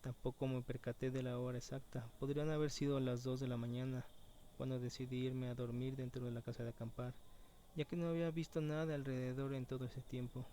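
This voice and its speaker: A man with a dark, mellow voice tells a first-person horror story, measured and suspenseful, slowing down at the tensest moments. His delivery stays narrow and even, with a faint ambient hum behind him. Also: mid-range voice. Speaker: narrator.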